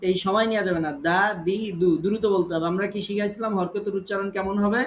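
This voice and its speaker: A man's voice: sits high, steady tone, rapid-fire. A man teaching Quran recitation in an online class, with a Bangladeshi Bengali accent, calling on students one by one and patiently correcting their reading.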